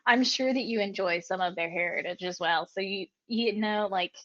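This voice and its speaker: An easygoing woman co-host chatting casually on a podcast, rambling along with plenty of fillers. Her voice sits at an ordinary middle pitch, recorded dry and close. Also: normal speed, fairly bright tone, dry recording, muffled recording. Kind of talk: casual chat.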